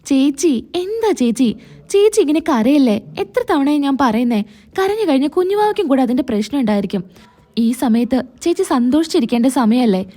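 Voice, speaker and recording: A woman's voice: sits high, expressive, moderate pace, dark tone. A woman reading the lines of a caring younger sister-in-law, coaxing and soothing.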